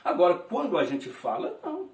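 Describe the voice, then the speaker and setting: A man teaching a casual lesson with a lively voice that swings up and down in pitch. He stops often to check in with his listeners and slows right down for his example sentences. He sounds set back from the mic in a roomy, echoing space. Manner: lively, repeats tag questions like "né?" and "viu?"; says English examples slowly and carefully. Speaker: English teacher. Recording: echoey room, voice from a distance.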